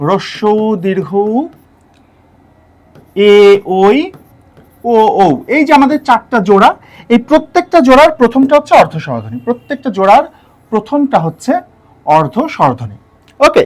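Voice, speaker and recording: A man with a Bangladeshi Bengali accent teaches an exam-prep grammar lesson. His pitch rises and falls a great deal as he talks. He breaks each point down step by step, repeats it, and keeps asking the listener questions. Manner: explains step by step, repeats key points and asks the viewer questions.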